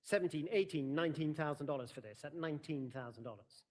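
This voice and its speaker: Calling bids and announcing lots at a live sale, a male auctioneer stays formal and courteous. His voice is a little high and darkish in tone, and he speaks fast.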